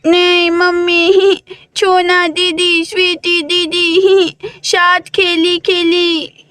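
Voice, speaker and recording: A woman's voice: extremely high pitch, little pitch movement, bright, forceful tone, no room sound, exaggerated voice. Woman doing a crying toddler boy. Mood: whiny, tearful. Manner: baby talk, slow and drawn out.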